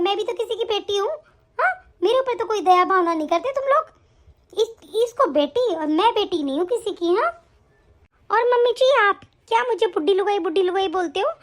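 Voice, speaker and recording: A woman voicing a young daughter-in-law who is fed up and defiant, in an animated story, with a sharp, scolding delivery. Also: very high-pitched. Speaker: voice actor.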